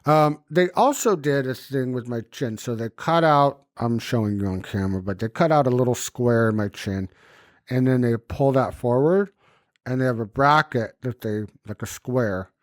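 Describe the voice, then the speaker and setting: Here a podcast host with a puffy, numb lip and a jaw banded with splints after surgery tells a personal story in loose, casual chat full of curses, his speech muffled. He speaks at medium pitch and normal speed, in a studio-quality recording with no room sound.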